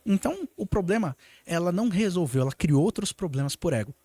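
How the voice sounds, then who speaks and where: Brazilian guy, lawyer on a podcast, kinda high husky voice, acts out quotes in his stories. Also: fairly quick, no room sound. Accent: Brazilian Portuguese. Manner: animated, acts out quoted dialogue. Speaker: lawyer guest. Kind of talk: casual podcast storytelling.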